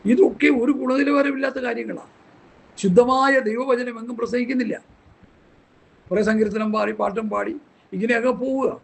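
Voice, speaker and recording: A man's voice: very high-pitched, fairly even intonation, a little fast, gravelly, pauses often. A man preaching a Bible study sermon in an impassioned, scolding way, full of rhetorical questions. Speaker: pastor.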